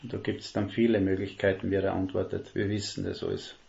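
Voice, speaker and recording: A man preaching a sermon, earnest and emphatic, slowing down to stress key words. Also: low-pitched, level tone, creaky, a little mellow. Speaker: lay preacher. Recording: dull lo-fi recording.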